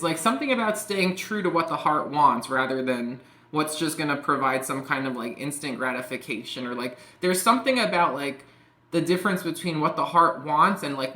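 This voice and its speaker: A man's voice: on the high side, sharp tone. A man giving a casual tarot reading, rambling and peppering his talk with "like" and "you know". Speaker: tarot reader. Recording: echoey room.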